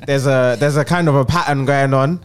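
A man's voice: medium pitch, fairly even intonation, a little fast, a little hiss or hum. A man, casually discussing football as a podcast co-host.

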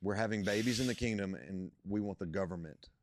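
A man's voice: lowish voice, a little fast, dry recording. A young man, a guest on a church podcast, talking about faith in an emphatic, preacherly way that builds to strong points.

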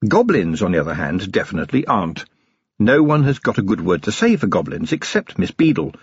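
A man's voice: lowish voice, big pitch swings, a little fast, husky, dry recording, highs cut off, full character voice. A man playing a weary, sarcastic policeman in bed talking with his wife, in an audiobook. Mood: wry. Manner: dry, sarcastic. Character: weary, sardonic policeman husband.

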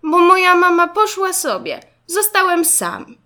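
A frightened little boy car from a children's storybook, played by a woman reading aloud, whining and pleading in a high, lively voice. He is stubborn and close to tears. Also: slow pace, full character voice. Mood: crying.

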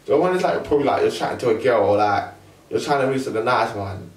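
A young man talks in a London roadman accent, slangy and casual, like storytelling among friends. His voice is mid-pitched and sits back from the microphone in a noticeably roomy, echoing space. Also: fast talker. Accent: London roadman, multicultural London English. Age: young adult. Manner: slangy, animated storytelling with quoted asides. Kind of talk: casual chat. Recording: roomy echo, distant from mic.

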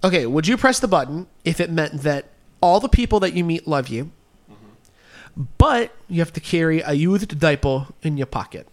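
A man's voice: fairly high pitch, lively intonation, normal speed. A man co-hosting a podcast, joking around and laughing often in casual banter. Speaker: podcast co-host. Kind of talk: casual chat.

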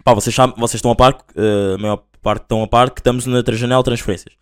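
A young man with a European Portuguese accent hosting a solo podcast, rambling and slangy as he tells stories in a casual, animated way. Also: mid-range voice, rapid-fire, smooth. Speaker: podcast host.

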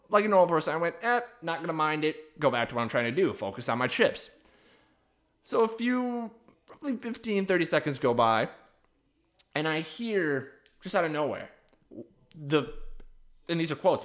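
A man's voice: fairly high pitch, fairly bright tone. A young man hosting a podcast, telling a story in a rambling, wry, profane way. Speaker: podcast host. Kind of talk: casual storytelling.

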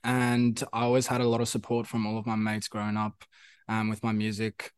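Fairly low and monotone, this young man's voice comes across smooth and fairly fast, with no echo. He's a South African musician guest, Afrikaans by first language, chatting in accented English in a relaxed interview where he rambles, repeats himself, and uses lots of fillers.

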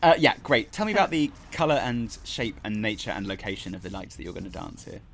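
A man's voice: lowish voice, big pitch swings, fast talker, vocal fry, fairly bright tone, faint music behind. A man running a tabletop game as game master, playful and theatrical.

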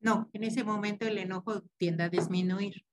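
A woman's voice: mid-range voice, fairly even intonation, moderate pace, slight background noise. A woman taking part in a webinar over a video call, answering the presenter in short, agreeable replies. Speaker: webinar participant.

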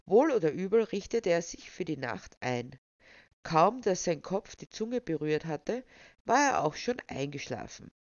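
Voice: medium pitch, very animated, unhurried, dry recording. Storyteller reading a wry tale, dull dry sound. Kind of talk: reading a humorous story aloud.

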